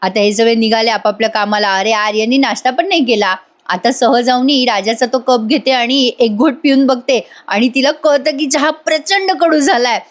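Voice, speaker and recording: A woman's voice: on the high side, normal speed, few pauses. Chatty woman narrating a recap. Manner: chatty, addresses viewers. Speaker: serial reviewer. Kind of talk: voice-over episode recap.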